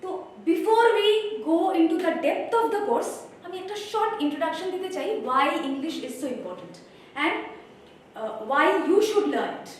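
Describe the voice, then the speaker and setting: A woman's voice: extremely high pitch, lively intonation, takes it slowly, a little hiss or hum. A woman teacher with a Bengali accent, introducing a spoken English course and explaining step by step while mixing Bengali and English. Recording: roomy echo, voice from far off.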